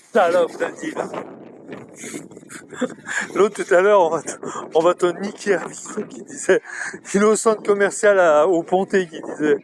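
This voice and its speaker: A man's voice: sits high, a little hiss or hum. A man talking to online viewers in a crude, taunting monologue, boasting, swearing and cackling with laughter. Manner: swears and insults constantly.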